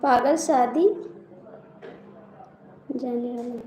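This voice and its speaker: Speaking extremely slowly, a woman with an Awadhi accent hosts a casual live stream, where she teases viewers, chats and reads out their comments; she's also a folk singer. Her voice is a little high and dark-toned, with fairly even intonation. The echoey room carries faint background noise.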